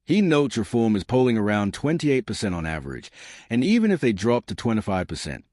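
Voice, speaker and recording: A man's voice: on the low side, big pitch swings, brisk, darkish tone, dry recording, clean studio sound. A man narrating scripted political commentary in an emphatic, dramatic and scornful way.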